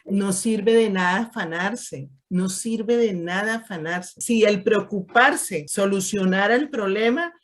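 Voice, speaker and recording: A woman teaching scripture to a small group, in a voice pitched right in the middle. She talks it through casually, stacking rhetorical questions and slipping into the voices of people she quotes. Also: slow, hardly any pauses, slight background noise. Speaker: Bible study teacher. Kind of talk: conversational Bible teaching.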